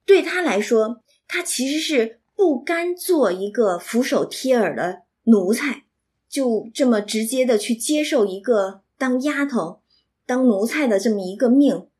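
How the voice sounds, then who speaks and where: A woman explaining a classic novel, reading and commenting in an expressive, reflective storytelling manner. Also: on the high side. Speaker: literature lecturer and reader.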